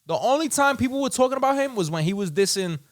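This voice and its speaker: A man with a New York accent, co-hosting a casual hip hop podcast and telling profane, animated stories. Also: very high voice, fast. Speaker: podcast co-host. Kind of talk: casual chat.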